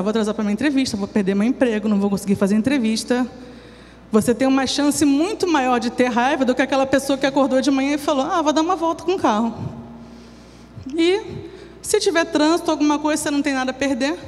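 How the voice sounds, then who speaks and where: A woman giving a talk at a church recovery program, explaining in a conversational way with everyday examples. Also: high voice. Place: church hall. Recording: long hall reverb, faint hum.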